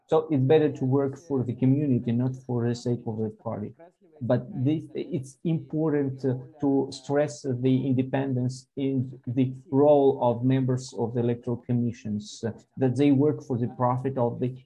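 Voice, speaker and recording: A man working as a live simultaneous interpreter, voicing a panel speaker in a very dark, mellow tone. His delivery stays flat and level, broken by fillers and restarts as he keeps pace. The halting rhythm sounds like live interpretation. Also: medium pitch, slightly rough, muffled recording.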